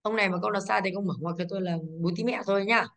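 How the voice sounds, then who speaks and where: A woman's voice: mid-range voice, steady tone, very fast, fairly bright tone. A female English teacher going over exercises, explaining each answer and checking with the class, with English words in a Vietnamese accent. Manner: explains step by step, checks with "đúng không ạ".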